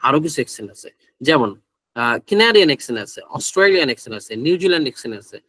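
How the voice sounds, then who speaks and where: A man's voice: fairly high pitch, animated, rapid-fire, fairly bright tone, dry recording, low-quality recording. Bangladeshi man teaching English pronunciation. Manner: mixes Bengali with English phrases, asks the class questions. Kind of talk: online class lecture.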